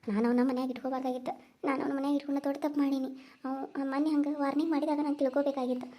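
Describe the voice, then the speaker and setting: A woman voicing a worried, regretful middle-aged aunt in a cartoon serial, grumbling low. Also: little pitch movement, very fast, dark tone, close to an everyday voice. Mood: fretful.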